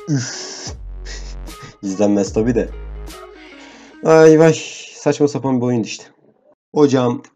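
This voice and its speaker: A young man giving casual, excitable commentary over his mobile game as a gaming channel host, repeating words in bursts and grumbling to his viewers. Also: on the low side. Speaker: gaming YouTuber. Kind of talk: live gameplay commentary.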